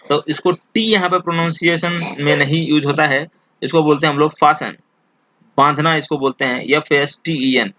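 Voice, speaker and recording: A man teaching an exam-prep lesson, explaining slowly and repeating each point with many fillers. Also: fairly high pitch, pushed and bright, no echo.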